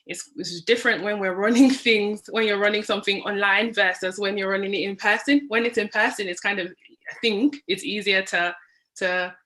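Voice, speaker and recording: A woman's voice: mid-range voice, pushed and bright, rough recording. A woman hosting an online panel, speaking earnestly and restarting her sentences. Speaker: host.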